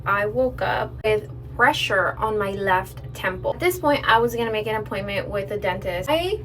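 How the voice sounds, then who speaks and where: A woman's voice: mid-range voice, animated, moderate pace, fairly bright tone. A young adult woman chatting casually as she tells a personal story to her viewers, in an emphatic, conversational way. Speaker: vlogger telling a personal story. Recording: distant mic with faint background noise.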